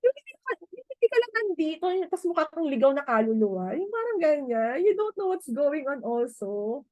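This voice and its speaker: Filipino lady w/ a high voice giving a chatty team pep talk on a video call, dry close sound. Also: very animated, moderate pace, darkish tone, no room sound, dull audio. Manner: chatty, mixes Tagalog and English, often asks "di ba?". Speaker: team leader in a business meeting.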